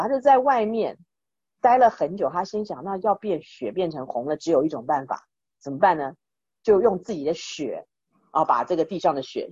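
A woman's voice: low voice, a little mellow, breathy edge, no echo. A woman teaching a Buddhist text through chatty storytelling full of fillers, in a dull, dry recording. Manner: chatty, many fillers and restarts, addresses listeners. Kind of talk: casual storytelling lesson.

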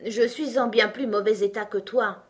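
A woman's voice: on the high side, steady tone, moderate pace, pitched above the performer's own voice, lightly acted. A woman voicing Blanc-Bonnet, a fussy, anxious twin brother in a storybook, complaining in a whiny voice.

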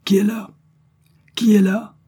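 A man's voice: medium pitch, normal speed, mellow, husky, pitched above the performer's own voice, natural voice. A man voicing a pompous, blustering police commissioner who barks orders in a raised voice. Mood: commanding. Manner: bossy, repeats "no doubt about it".

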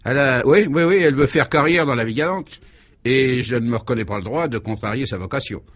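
A man doing a shrill, muddled society lady. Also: a little fast, lightly acted. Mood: airy, gushing. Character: scatterbrained society wife who says wrong words. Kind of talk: comic radio serial acting.

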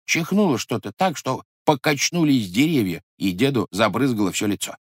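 Lively male storyteller. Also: mid-range voice, moderate pace, no room sound, studio quality. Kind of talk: expressive reading of a classic tale.

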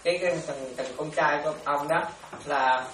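A man, a monk, giving a chatty, animated dharma sermon full of stories and repetitions. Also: fairly high pitch, normal speed. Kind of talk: sermon with storytelling. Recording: echoey, distant mic, faint noise.

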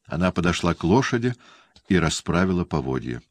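Deep-voiced man, measured audiobook narration, dry close studio sound. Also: big pitch swings, no echo. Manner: measured storytelling. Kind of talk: scripted narration.

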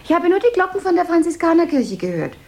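In a noisy 1970s German radio play, a woman acts a chatty, flighty, deferential secretary using an extremely high, very animated, darkish full character voice. She talks fast, babbling small talk and rambling on, eager to placate.

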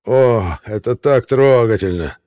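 A man's voice: mid-range voice, expressive, unhurried, warm tone, pitched above the performer's own voice, natural voice. A man voicing a sneering hitman in an audiobook. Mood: mocking. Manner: gloating, then panicked pleading. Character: menacing bearded male hitman, gloating. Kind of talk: audiobook character reading.

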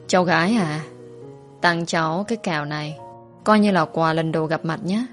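A woman's voice: deep voice, normal speed, soft background music, lightly acted. Woman reading a coaxing male stranger. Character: smooth-talking male stranger, a kidnapper.

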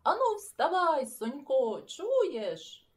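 A bossy village boy hollers at his sleepy friends in a high, shouting voice, as a woman reading a children's story puts him on. He is impatient and commanding, with a lively, swooping delivery. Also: drawn-out words, exaggerated voice.

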